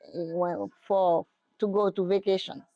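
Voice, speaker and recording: Middle-aged Haitian woman, non-native English, slow and halting, lowish voice, dry close sound. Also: steady tone, no room sound, muffled recording. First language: Haitian Creole and French. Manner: hesitant, searching for English words. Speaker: interviewee. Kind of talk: casual interview.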